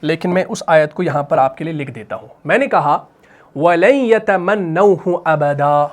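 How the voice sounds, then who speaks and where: A male teacher explaining Arabic grammar in Urdu with a Pakistani accent. He asks questions and answers them himself, and at times recites Quran verses slowly. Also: a little high. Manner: repeats questions and answers them himself, adds "bhai" and "theek hai na". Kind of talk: explaining grammar while writing on a board.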